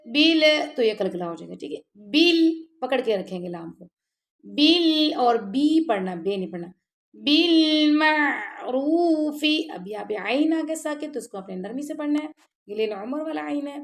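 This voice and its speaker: A woman teaching tajweed, patiently explaining pronunciation step by step and then chanting the words slowly. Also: fairly high pitch, creaky, a little mellow. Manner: patient, explains step by step, often checks with "ٹھیک ہے؟"; slow drawn-out chanted recitation between plain explanation. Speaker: Quran recitation teacher. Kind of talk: tajweed lesson, explaining and reciting.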